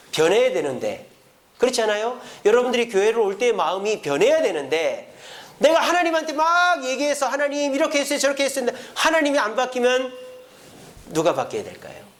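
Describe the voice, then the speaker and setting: A man preaching a Sunday sermon as senior pastor, asking his congregation rhetorical questions and acting out their complaints in a raised voice. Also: high voice.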